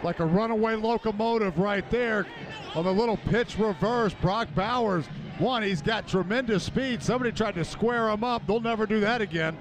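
High-pitched male football color commentator. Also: moderate pace. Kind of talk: live American football radio analysis. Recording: stadium radio broadcast, clear background noise.

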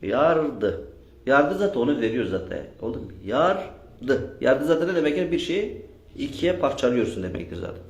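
A man teaches a grammar class, quizzing his students over and over and repeating their answers back to them. His voice sits at a middle pitch. It rings in an echoey room. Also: very animated, fast. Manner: drills students with repeated questions. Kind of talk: classroom lesson with question and answer.

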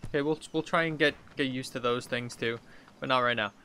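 Sitting at his computer indoors with game music behind him, a man in his thirties gives brisk, casual let's play commentary in slang, reacting and thinking aloud. His mid-range voice is steady, bright, forceful, clear, and resonant.

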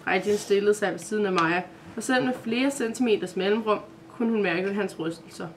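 A woman reading a children's advent-calendar story aloud at a steady pace, with small self-corrections. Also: mid-range voice, a little hiss or hum.

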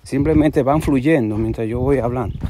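A man from the Dominican Republic with a Cibao accent gives unscripted religious commentary to camera, rambling between points and restarting often. His voice is mid-range at a moderate pace, with background noise present.

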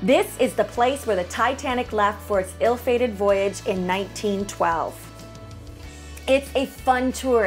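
Middle-aged woman, travel vlog host, upbeat narrator, slightly high voice, music bed underneath. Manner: upbeat, descriptive tour narration. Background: background music.

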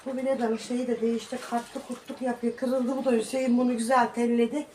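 A woman's voice: fairly high pitch, little pitch movement, fairly quick, dark tone. A woman vlogger chatting casually in a running commentary on household chores at home. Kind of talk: casual household vlog chat. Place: home balcony. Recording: echoey, noisy, distant microphone.

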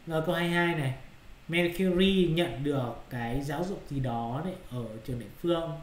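A man's voice: on the high side, quick pace, roomy sound, a little hiss or hum. A male English teacher explaining exercise answers in Vietnamese, often checking whether students follow. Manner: repeats checking questions to students.

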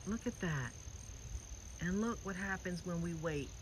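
A man on a prayerful walking vlog, speaking softly aloud to God and to the flowers in gardens near a beach. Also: sits high, measured pace, a little hiss or hum, low-quality recording. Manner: soft-spoken, talks aloud to God and to flowers.

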